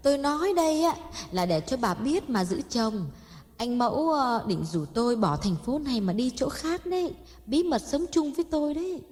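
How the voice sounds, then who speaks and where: A woman voicing a young mistress in her twenties who speaks calmly and politely with cold mockery, in an audio story. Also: high-pitched, normal speed. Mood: cool mocking. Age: 20s. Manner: calm, polite, coldly mocking. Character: young mistress, cool and cutting. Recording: long hall reverb, faint music.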